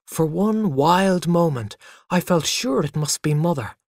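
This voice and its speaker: A narrator telling a first-person story for English learners in a lively way. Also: mid-range voice, measured pace, dry recording, studio quality.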